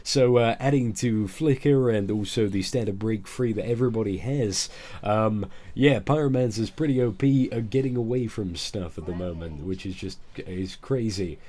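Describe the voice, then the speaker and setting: A gaming video creator talks through a video game in a casual, explanatory way. His fairly low voice is warm and moves at normal speed, though he sounds ill and a bit groggy.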